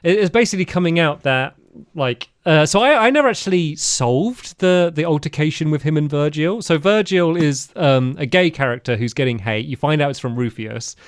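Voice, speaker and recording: A man co-hosting a podcast, chatting casually about a game in rambling, animated stories full of fillers. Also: on the high side, moderate pace, smooth, dry recording, clean studio sound. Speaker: podcast co-host.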